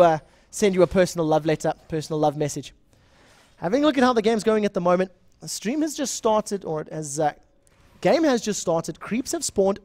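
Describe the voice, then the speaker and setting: A young South African man with a high-pitched voice casts a live online game as an esports shoutcaster, chatting and rambling, correcting himself and greeting viewers from the chat. The recording is clean studio sound with no echo.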